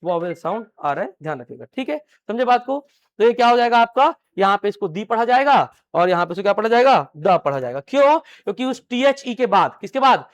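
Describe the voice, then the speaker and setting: A man's voice: high-pitched, animated, fairly quick. A man teaching English grammar to a live class, asking questions and answering them himself, repeating the key phrases over and over. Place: classroom with students.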